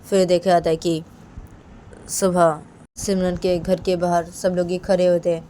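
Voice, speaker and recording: A woman's voice: on the low side, little pitch movement, a little slow, warm tone, a little hiss or hum. A woman narrating a serialized romance story as host of her channel, in a plain, repetitive way.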